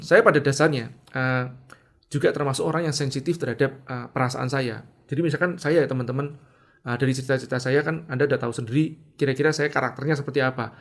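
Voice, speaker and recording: A middle-aged man telling a personal story about leadership in a casual monologue, acting out his own angry shouts and then dropping to a quiet, reflective tone. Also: medium pitch, steady tone, fast. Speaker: speaker sharing leadership lessons.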